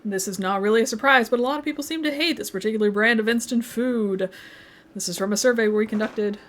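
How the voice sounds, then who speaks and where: Woman putting on a news anchor voice, hammy broadcast delivery, loud, fairly high pitch. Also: quick pace, close to an everyday voice. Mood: formal. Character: overly earnest female news anchor reading reports.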